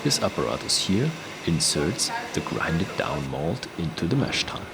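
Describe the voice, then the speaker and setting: Deep, creaky-voiced man narrating a tour. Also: sing-song, a little slow. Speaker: tour presenter. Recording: noisy location sound, background hum.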